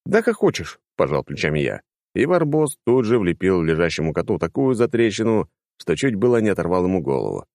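A man reading a first-person audiobook in a wry, lively narration style. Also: fairly quick, no echo, studio quality. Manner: lively, wry, sweeping pitch.

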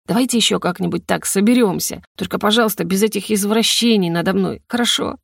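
A woman's voice: mid-range voice, fast talker, vocal fry, slightly rough, dry recording, clean studio sound. Woman reading a slurring tipsy heroine. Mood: giddy. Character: drunk giggly young woman in a man's body. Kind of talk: audiobook character reading.

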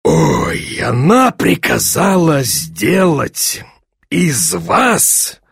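A man reading an audiobook, voicing a sly police chief who feigns sympathy and teases with drawn-out pauses. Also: on the high side, wildly swooping pitch, creaky, a bit bright, husky, no echo, clean studio sound, exaggerated voice. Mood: mock-sympathetic. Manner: measured, drawn-out teasing pauses.

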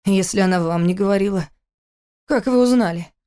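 A woman's voice: mid-range voice, a little fast, mellow, clean tone, natural voice. A woman reading an audiobook voices a young husband in her own plain, questioning voice. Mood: puzzled. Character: young husband, tender then demanding.

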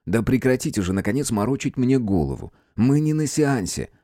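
Guy reading as polite stern old-style detective, mellow voice, dry sound. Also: medium pitch, lively intonation, no room sound, pitched above the performer's own voice, close to an everyday voice. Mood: firm. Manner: measured, courteous, formal. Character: calm, firm gentleman detective of old times. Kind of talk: audiobook character voicing.

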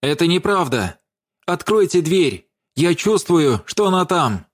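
A man's voice: fairly high pitch, very animated, measured pace, voice pushed up. A man doing a pushy, scrawny stalker. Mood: insistent. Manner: demanding and pushy.

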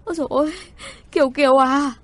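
A woman putting on a weepy young stepmother for a spoken story, her voice pushed up high and breaking into pleas. She sounds husky and a little distant. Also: moderate pace. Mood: tearful. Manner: sobbing, high and pleading.

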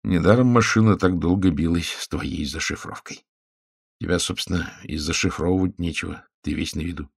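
A man's voice: deep voice, moderate pace, creaky, husky, no echo, clean studio sound, heavily acted. A man voicing a sullen, resentful Earthman visitor who speaks gloomily and under his breath. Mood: brooding. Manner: gloomy, muttering.

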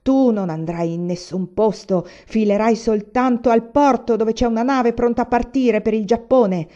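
A woman's voice: medium pitch, fairly quick, dark tone, highs cut off, lightly acted. A woman voicing a stern wealthy father, a banker who speaks in clipped, curt sentences. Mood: commanding.

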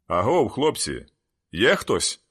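A man voicing a hoarse, brusque middle-aged male night-crew boss in an audiobook. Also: fairly low pitch, sing-song, fairly quick, a bit bright, heavily acted. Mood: barking orders. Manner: brusque, ordering people about.

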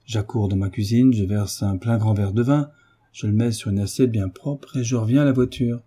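A man's voice: fairly low pitch, fairly even intonation, normal speed, dark tone, breathy edge. A man doing a chatty country maid. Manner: garrulous, rustic, breathless storytelling.

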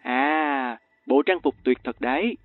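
A man's voice: medium pitch, takes it slowly, no echo, lightly acted. A man voicing a dismissive, teasing teenage boy in an audiobook story. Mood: mocking. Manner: casual, teasing. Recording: tinny lo-fi with faint music.

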